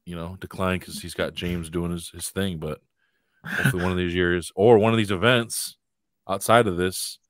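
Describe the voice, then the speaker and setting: A man with a very deep voice hosts a casual podcast chat, relaxed as he steers the talk with loose "you know" and "I mean" phrases. His voice sounds dry and close. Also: normal speed, dry recording. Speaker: podcast host.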